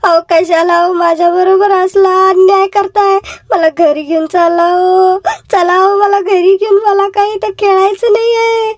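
A woman's voice: extremely high pitch, flat delivery, unhurried, no room sound, clean studio sound. A woman voicing a young village wife in a cartoon, crying and pleading after her husband bets her in a card game. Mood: tearful pleading. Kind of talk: cartoon voice acting.

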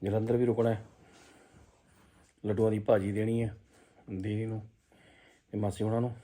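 A man's voice: fairly low pitch, level tone, moderate pace, dark tone. A man with a Punjabi accent chatting casually in a family vlog, teasing and talkative. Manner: chatty, teasing, sings folk lines. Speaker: vlogger.

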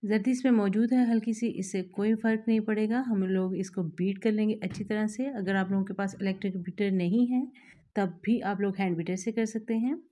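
A woman host, calmly explaining a recipe step by step to her viewers in a voice-over. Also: medium pitch, a little fast. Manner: calm, instructive, addresses viewers directly. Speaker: cooking channel host.

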